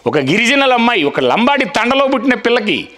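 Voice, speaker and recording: A man's voice: very high voice, sing-song, a little fast, bright, forceful tone. A man giving a fiery, repetitive speech at a village meeting, calling on the crowd to answer him. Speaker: public speaker.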